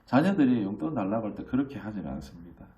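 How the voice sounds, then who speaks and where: A middle-aged man preaching a sermon as pastor, conversational and animated, often asking the congregation questions and acting out voices. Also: on the low side, fast, recorded from a distance, lo-fi sound. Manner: animated, acts out children's voices in quotes.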